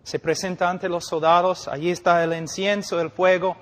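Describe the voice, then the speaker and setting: An older man delivers an emphatic sermon, pausing for effect and acting out quotes as he preaches. His voice sits fairly high for a man. The recording carries a long reverb, like a big hall. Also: level tone. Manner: emphatic, preaching with dramatic pauses and acted-out quotes. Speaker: preacher and missionary.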